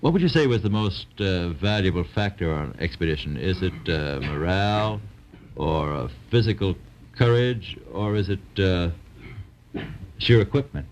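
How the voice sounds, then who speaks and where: A man's voice: low voice, animated, normal speed, a little hiss or hum. A man interviewing a guest in formal, questioning tones on a 1950s TV broadcast. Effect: old 1950s TV broadcast sound. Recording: dull lo-fi 1950s TV audio.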